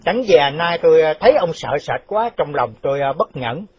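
A man's voice: on the high side, lively intonation, moderate pace, husky, no echo. A man voicing a vengeful escaped male convict who speaks firmly and scoldingly. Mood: reproachful. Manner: firm, scolding. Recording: dull lo-fi dry recording.

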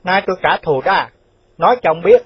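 A man's voice: high voice, lively intonation, quick pace, husky, full character voice. Man voicing a stern vengeful ex-convict. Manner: firm, scolding. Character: vengeful escaped male convict, stern, middle-aged. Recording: dull lo-fi dry recording.

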